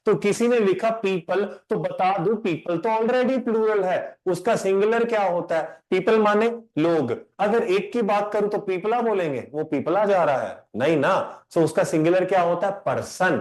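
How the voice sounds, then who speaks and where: Lively man teaching English grammar. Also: high-pitched. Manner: lively and conversational, mixes English into Hindi, quizzes students. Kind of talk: live online lecture.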